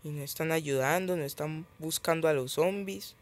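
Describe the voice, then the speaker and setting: A man's voice: a little high, normal speed, dry recording. A man giving casual gameplay commentary as he plays a mobile game, chatty and thinking aloud, easily startled.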